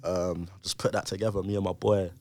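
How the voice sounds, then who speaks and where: A man's voice: low-pitched, flat delivery, a little fast, a little mellow. A young man with a London roadman accent and slang, chatting casually as a podcast guest. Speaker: guest, content creator and footballer. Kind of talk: casual group podcast chat.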